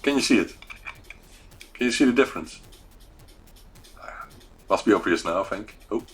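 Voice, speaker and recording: A man with a Dutch accent talks off the cuff as a livestream host. His voice sits a little low. He hesitates often while searching for the next word, and soft music plays faintly behind him. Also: expressive, moderate pace. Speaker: host of a weekly retro computing live show. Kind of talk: unscripted livestream chat.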